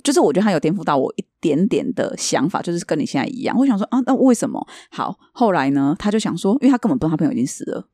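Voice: medium pitch, sing-song, very fast, hardly any pauses, darkish tone, husky, no echo, clean studio sound. A podcast co-host telling a story in casual chat and acting out the quoted dialogue.

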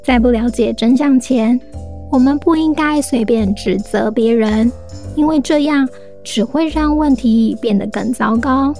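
Gentle woman reading a children's story. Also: fairly high pitch, unhurried. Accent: Taiwanese Mandarin. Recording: music bed behind the voice. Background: soft background music.

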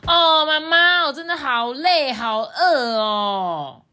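A woman's voice: high-pitched, animated, takes it slowly, pushed and bright, pitched above the performer's own voice, exaggerated voice. A woman voicing a sulky young elephant boy in a storybook, whining and drawn out. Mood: whiny.

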